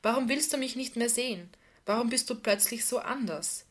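A woman reading the part of a calm, gently persistent woman who speaks softly. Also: on the high side, normal speed, lightly acted.

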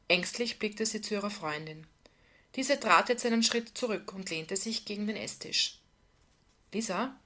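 A woman reading passages from a novel aloud in a calm, even storytelling delivery. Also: medium pitch. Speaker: reader.

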